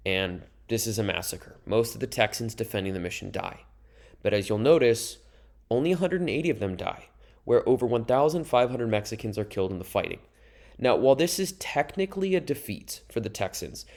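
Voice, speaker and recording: A man's voice: mid-range voice, a little mellow. A young man teaching a history lesson over slides, explaining in a casual, conversational way with asides to his students. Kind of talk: recorded classroom lecture over slides.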